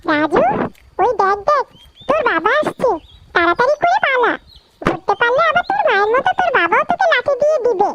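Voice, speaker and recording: A woman's voice: very high voice, big pitch swings, fairly quick, heavy background noise. A woman voicing a cartoon boy who is the hero's teasing friend.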